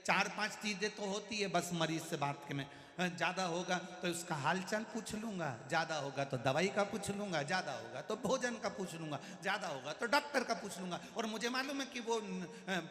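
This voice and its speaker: A man voicing a stubborn, hard-of-hearing old grandfather who shouts cheerfully without hearing the replies. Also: sits high, pitched above the performer's own voice, heavily acted. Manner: shouting loudly, cheerfully oblivious. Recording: echoey hall with long reverb.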